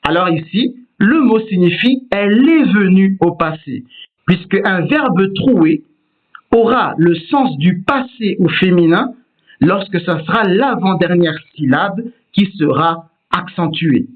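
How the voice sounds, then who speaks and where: Speaking slowly in an animated, high voice, a man teaches a lesson on Hebrew word stress and models each pronunciation. His explanations are patient, and the audio has a tinny, phone-like quality.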